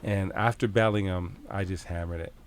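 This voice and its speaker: Animated storytelling man, lowish voice. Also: moderate pace, slight background noise. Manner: animated, swears freely, acts out quoted exchanges. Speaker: podcast guest. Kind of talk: casual storytelling.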